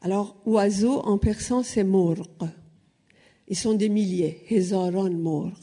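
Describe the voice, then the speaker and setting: A woman's voice: mid-range voice, takes it slowly, mellow. A woman from Iran, a native Persian speaker, explaining points at a panel, with frequent hesitations and filler sounds.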